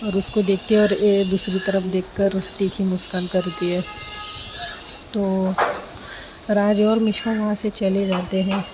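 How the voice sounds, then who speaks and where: A woman's voice: mid-range voice, level tone, measured pace, heavy background noise. A woman casually telling a romance story, voicing all the characters in her own plain speaking voice.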